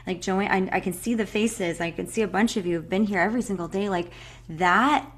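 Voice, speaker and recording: A woman's voice: medium pitch, brisk. A young woman hosting a live online breathwork call, chatting casually and effusively with many filler words. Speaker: breathwork facilitator.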